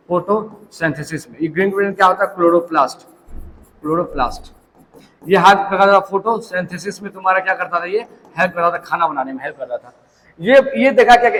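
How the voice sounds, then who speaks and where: A man's voice: high voice, a bit bright. Young guy teaching bio, asks and answers himself, echoey room. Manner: asks and answers his own questions, storytelling. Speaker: biology teacher. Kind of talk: classroom lecture.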